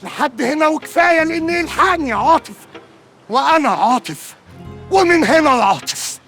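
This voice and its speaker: Rambling Egyptian joker, mock-earnest, light music behind. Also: male voice, very high-pitched, lively intonation, pushed and bright, full character voice. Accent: Egyptian Arabic. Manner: fast comic rambling, mock pleading. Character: glib, rambling young man, comic meddler.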